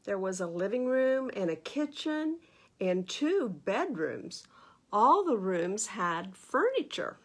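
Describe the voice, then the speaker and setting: This is read-aloud storytime: a librarian narrates a picture book for children, adding asides and questions for the group. She speaks slowly in a mid-range voice, and her delivery is very animated.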